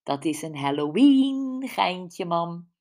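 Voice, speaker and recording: A woman's voice: deep voice, expressive, a little slow, exaggerated voice. Woman doing a playful teasing young woman.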